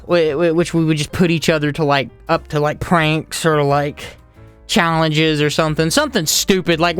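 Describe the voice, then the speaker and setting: A young man from the American South rambles through a casual vlog, jumping between tangents and tripping over restarts. His voice sits a bit high and comes across smooth and clean, with faint music underneath. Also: fairly bright tone, no room sound. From Southern United States. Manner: rambling and jumpy, with many restarts. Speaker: YouTuber.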